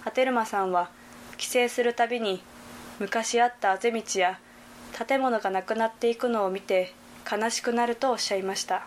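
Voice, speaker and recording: A young woman from Hyogo narrating a prepared report, reading in a careful, measured way. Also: on the high side, a little hiss or hum. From Hyogo Prefecture, Japan. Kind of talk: scripted narration.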